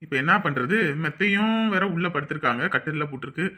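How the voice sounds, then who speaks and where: A woman's voice: deep voice, lively intonation, fast, sharp tone, exaggerated voice. A woman playing a weary, easygoing middle-aged husband and father in a family drama, with a placating manner and a Tamil Nadu accent. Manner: placating and tired.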